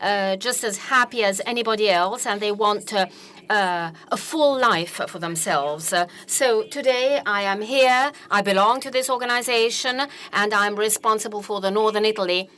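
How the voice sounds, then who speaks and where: A woman giving an earnest religious testimony in a talk, speaking haltingly with frequent hesitant pauses. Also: medium pitch, a bit bright.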